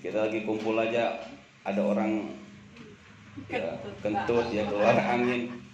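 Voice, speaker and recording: A man preaching a sermon at a religious study gathering, chanting Arabic quotes and explaining them in lively casual speech. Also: unhurried, muffled recording. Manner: lively, swings from loud emphasis to low asides, chants Arabic quotes then explains; casual street slang and acted banter. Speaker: Islamic preacher. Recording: echoey room with faint background noise.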